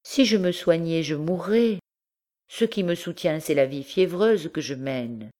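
A woman's voice: low-pitched, a little slow, warm tone, pitched above the performer's own voice. A woman reading an audiobook voices a pale, ailing young courtesan, bitter yet tender, with a lilting, slightly bitter manner.

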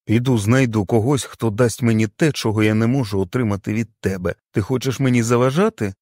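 A man's voice: mid-range voice, a little fast, a little mellow, dry recording, studio quality, natural voice. A man voicing a stubborn, grumbling husband who talks back defiantly, in a storybook reading.

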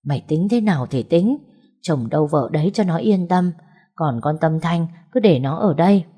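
A woman's voice: sits low, expressive, normal speed, mellow, breathy edge. A woman reading the lines of an elderly mother who fusses and persuades her grown son. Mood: coaxing. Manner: chatty, persuading. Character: elderly village mother, doting and bossy.

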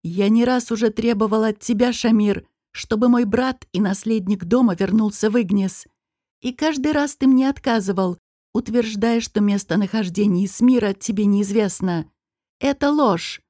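A woman voicing a stern male emperor who speaks in a measured, accusing way. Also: mid-range voice, mellow, no room sound, studio quality, close to an everyday voice.

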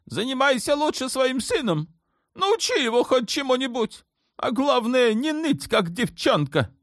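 A man's voice: sing-song, a little slow, dry recording, clean studio sound, exaggerated voice. A man voicing a hysterical, tyrannical young sultan in an audiobook, shrieking his orders in fits of rage. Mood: scornful. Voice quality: shrill screaming. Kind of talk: audiobook character voice.

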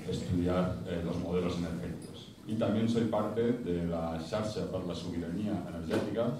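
Deep-voiced man from Catalonia giving a talk. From Catalonia, Spain. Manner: measured, with frequent "eh" fillers. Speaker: panelist, researcher. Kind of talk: conference talk. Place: conference hall. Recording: echoey hall, distant mic, background noise.

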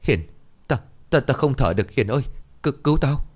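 A man's voice: medium pitch, animated, brisk, a little mellow, pitched above the performer's own voice, lightly acted. A man voicing a terrified, cowardly young man who stammers and pleads, trembling, in a narrated horror story. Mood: choking panic.

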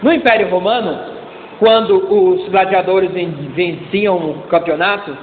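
A male pastor preaching a sermon in a lively, joking way, calling out to the congregation for responses. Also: sits high, measured pace, slight background noise. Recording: echoey church hall over a tinny lo-fi line.

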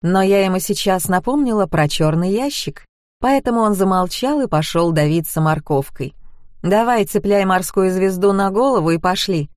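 A woman's voice: medium pitch, animated, moderate pace, a little mellow, no echo, clean studio sound, natural voice. A woman reader voicing a cheeky, tipsy woman friend who talks breezily and jokes. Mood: breezy. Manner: jokey and breezy.

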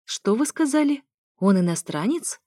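A woman's voice: a little high, expressive, moderate pace, a little mellow, dry recording, studio quality, pitched above the performer's own voice. A woman playing a chattering, sugary young receptionist. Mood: brisk. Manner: chattering, falsely sweet. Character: young female clinic receptionist, fussy and chattery.

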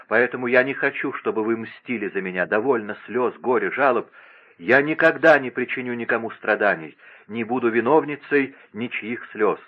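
A gentle young court lady , voiced by a male reader, begs softly in an audiobook, her voice tearful and low-keyed. The recording is a little muffled and lo-fi. She sounds worn down by grief yet firm. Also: close to an everyday voice. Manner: pleading, tearful.

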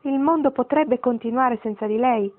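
A woman's voice: on the high side, normal speed, pitched above the performer's own voice, natural voice. A wry, tender great-grandmother from a storybook, musing over the old days, as a woman reads her part. The sound is narrow and phone-like. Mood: wistful.

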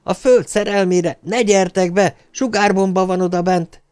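A man reading an audiobook, voicing a frightened young male student who shouts and strains his voice. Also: mid-range voice, expressive, natural voice. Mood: panicked.

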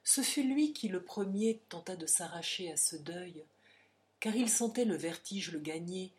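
A woman narrating a romantic novel as an audiobook, emotive, with hushed passages. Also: on the low side, animated, unhurried. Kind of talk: dramatic audiobook reading.

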